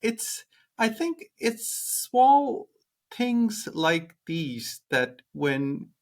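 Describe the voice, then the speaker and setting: A man's voice: high voice, sing-song, very slow. A young man from Pakistan, hosting a podcast in a hesitant, casual way, often filling gaps with "like". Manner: hesitant, leans on "like" fillers. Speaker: podcast host.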